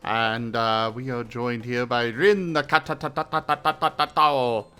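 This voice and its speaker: A man's voice: mid-range voice, fairly even intonation, unhurried, bright, forceful tone, clear, resonant tone, soft background music. A man hosting a casual gaming livestream, talking upbeat and easygoing over headset audio. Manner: upbeat greetings, easygoing and chatty. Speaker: streamer host.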